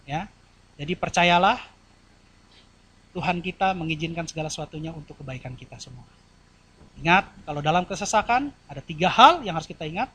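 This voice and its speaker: A male pastor preaching a sermon in a church, lively and animated, acting out quoted voices. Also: fairly high pitch, breathy edge. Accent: Indonesian.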